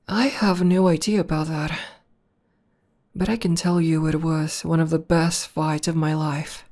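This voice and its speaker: This intimate ASMR roleplay has a woman portraying a bashful tomboy demoness warrior who speaks alone to her partner. Her voice runs notably low and her pace slow, coming across as soft, hesitant, and deeply affectionate.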